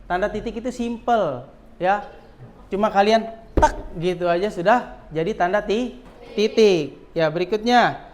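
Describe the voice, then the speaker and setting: A teacher leads a lesson in a classroom full of children, with a voice of middling pitch. The delivery keeps turning into quick questions to the pupils, checking they follow along. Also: a little mellow. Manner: quizzes pupils often, with frequent tag "ya".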